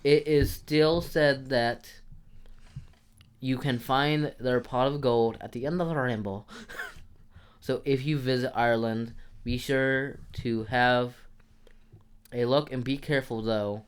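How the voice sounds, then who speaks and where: A young man co-hosting a casual podcast, reading folklore notes haltingly and joking with friends. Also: medium pitch, steady tone, smooth. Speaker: podcast co-host.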